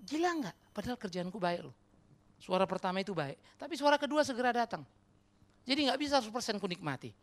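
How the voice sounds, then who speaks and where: A man delivers a sermon as pastor with a high, gravelly voice that swings freely up and down. He keeps questioning the congregation and slips slang and English phrases into his talk. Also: quick pace. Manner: animated, questions the congregation directly; mixes casual slang and English words. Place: church.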